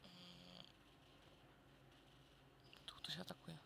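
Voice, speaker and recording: Guy muttering through a let's play, super gravelly voice, slow talker, hissy noisy recording. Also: high-pitched, completely flat delivery. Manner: muttering, sarcastic remarks to viewers.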